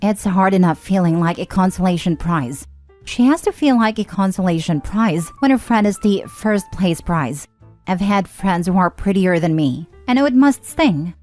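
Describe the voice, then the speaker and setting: A woman narrating online forum stories and adding her own comments, reading expressively with frequent lifts in pitch. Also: animated, moderate pace, a little mellow, soft background music. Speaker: story narrator.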